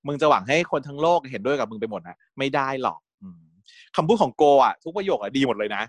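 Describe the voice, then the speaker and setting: A man co-hosting a podcast, chatting casually about a TV series, animated and laughing often. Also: medium pitch, fast, slightly rough, no echo. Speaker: podcast co-host. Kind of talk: casual chat reviewing a TV series.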